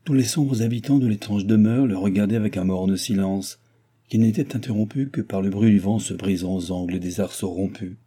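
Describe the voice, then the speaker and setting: A male audiobook narrator with a low, very dark, husky voice. He tells the story in a measured, grave way, as scripted literary narration.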